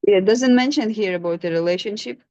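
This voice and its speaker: In a dry recording, a woman with a dark mid-range voice talks fast as she runs an online scripture class. She's patient, prompting students with questions, and the video call audio sounds dull and lo-fi.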